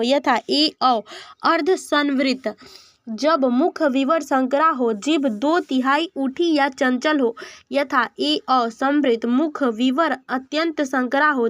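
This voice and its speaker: A woman reading out an exam study lesson, listing sounds one by one in a slow, deliberate way. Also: high voice, dry recording. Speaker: teacher reading exam answers.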